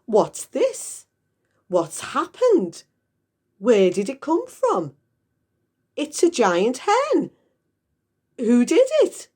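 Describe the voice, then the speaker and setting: A woman voicing an excitable, easily worked-up farmer father in a children's story, exclaiming in bursts. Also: sits high, extremely slow, pauses often, husky, voice pushed up, heavily acted. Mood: amazed, excited.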